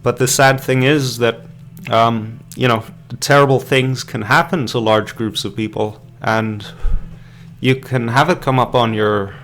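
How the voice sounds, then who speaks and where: A man's voice: medium pitch, fairly even intonation, a little slow, fairly bright tone, soft background music. An Irish man hosting a podcast live stream, rambling through hesitant casual commentary with many fillers and restarts, sipping beer as he goes. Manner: drinking beer while talking. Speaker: podcast host.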